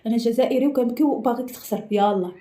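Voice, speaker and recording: A woman's voice: a little high, rapid-fire, warm tone, reverberant, lightly acted. A woman voicing a spiteful young Algerian man, jeering in a sing-song way. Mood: taunting.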